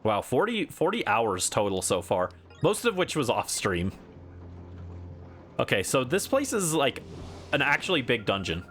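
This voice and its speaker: Male streamer, playful casual game commentary, very animated delivery, light game music underneath. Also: mid-range voice, a little slow. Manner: playful, voices game characters aloud.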